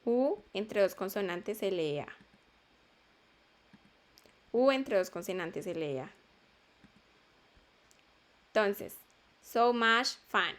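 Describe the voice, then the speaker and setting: Slow, patient Spanish-speaking woman teacher. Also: medium pitch, lively intonation, darkish tone. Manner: patient, repeats sounds and checks understanding. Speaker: English teacher. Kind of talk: online class explanation.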